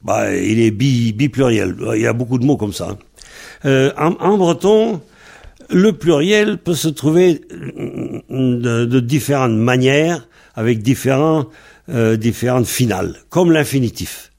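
A man gives a methodical language lesson at an unhurried pace. His voice has a gravelly, fry-tinged texture. He works patiently through each word, spelling it out one letter at a time. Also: mid-range voice, a little mellow. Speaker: Breton language teacher.

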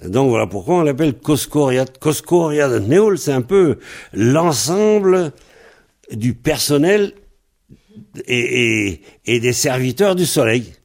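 Man, language teacher, slow delivery, patient, repeats words to model pronunciation. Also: mid-range voice, sing-song. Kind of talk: spoken language lesson.

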